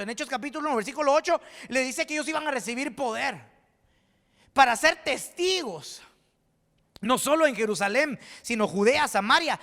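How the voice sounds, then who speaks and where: A man's voice: very high-pitched, sharp tone. A man from Guatemala preaching a sermon as pastor, fervent, with repeated words and restarts, rising to exclaim. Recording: reverberant hall.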